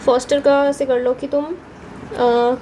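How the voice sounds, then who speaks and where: Soft-toned woman teaching vocabulary. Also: high-pitched, level tone, slow pace, slight background noise, rough recording. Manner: explains patiently, repeats "ठीक है" between points. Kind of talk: exam prep lesson with mnemonic tricks.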